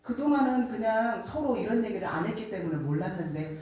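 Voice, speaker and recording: A middle-aged woman giving a church testimony, telling a family story in an animated way. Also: mid-range voice, fairly quick. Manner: animated storytelling, acts out quoted voices. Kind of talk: sermon testimony. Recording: echoey room, distant mic.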